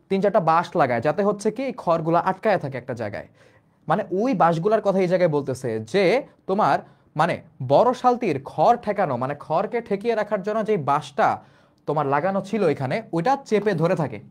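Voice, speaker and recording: A young male teacher with a Bangladeshi Bengali accent. His voice sits a little high, and he talks in a loose, repetitive explaining style. He keeps rephrasing things and putting questions to his class. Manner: repetitive, restates lines in plain colloquial words, asks rhetorical questions.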